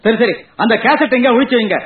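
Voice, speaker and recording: A whiny bumbling sham swami. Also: male voice, very high-pitched, fairly quick, recorded from a distance. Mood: panicked. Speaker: comic fake holy man. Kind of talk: comedy film dialogue. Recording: tinny lo-fi echoey film audio.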